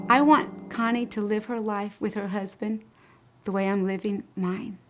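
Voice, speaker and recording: A woman interviewed for a documentary, speaking softly and reflectively about a hard time. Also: medium pitch, fairly even intonation, normal speed, slight background noise. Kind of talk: emotional personal account. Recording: guitar music underneath.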